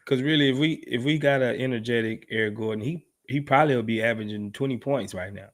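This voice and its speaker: Slangy, animated podcast host, man. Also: mid-range voice, fast talker. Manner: animated, slangy, keeps asking "you know what I'm saying". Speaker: podcast host reading viewer comments. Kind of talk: casual post-game chat.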